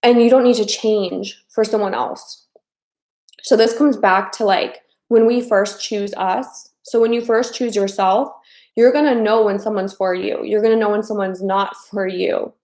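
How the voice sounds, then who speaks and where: A thirtysomething Midwestern woman coaching people on dating talks to her live-stream audience in a relaxed, meandering way full of fillers and repeated phrases. Her middle-pitched voice is steady, unhurried and a little mellow. Her space has a noticeable echo.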